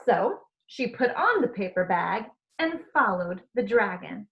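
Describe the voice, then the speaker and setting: A woman teacher reading a storybook aloud expressively, addressing young listeners in an animated way. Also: mid-range voice, a little slow, gravelly, highs cut off.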